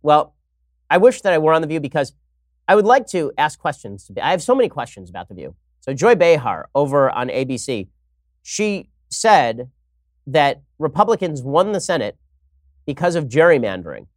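Wry and sarcastic, a man hosts an opinionated political show and hurries from segment to segment, his fairly high voice swinging widely in pitch. The sound is studio quality with no room sound.

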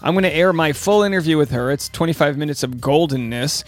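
A man's voice: on the high side, fairly quick. A man hosting a podcast, giving casual, chatty entertainment commentary in an informal way. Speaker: podcast host and stand-up comic.

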